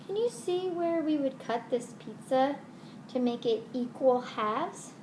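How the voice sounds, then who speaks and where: High-pitched woman, slow kids show host style. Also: expressive, a little mellow. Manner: kids show host, addressing children in a simple sing-song. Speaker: elementary math teacher. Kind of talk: children's math lesson, talking to kids. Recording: roomy echo with faint noise.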